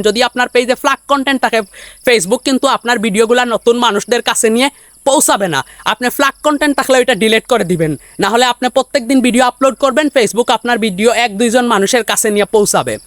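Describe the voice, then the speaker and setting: Young man, very high voice, dry close sound; vlogger who checks in with viewers. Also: fairly bright tone, dry recording. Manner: keeps asking viewers if they understand; says he usually talks fast. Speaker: social media tips vlogger. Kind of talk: instructional vlog to viewers.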